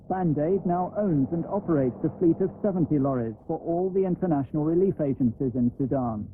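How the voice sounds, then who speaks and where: Documentary narrator on an old VHS tape. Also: male voice, fairly high pitch. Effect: worn old VHS tape sound. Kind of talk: scripted narration. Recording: tinny lo-fi old video tape, faint noise.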